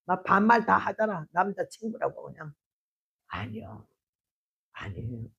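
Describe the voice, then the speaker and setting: A woman in her eighties, a missionary preacher, giving a testimony sermon and telling stories that swing from hushed to shouting. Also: fairly low pitch, big pitch swings, a little slow, vocal fry, husky, highs cut off. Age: 80s.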